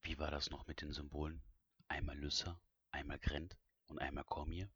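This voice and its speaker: A man's voice: extremely low pitch, little pitch movement, moderate pace, sharp tone, breathy edge, no echo. A man reading an audiobook as narrator in a suspenseful voice that drops to whispers. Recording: dull, dry, lo-fi recording.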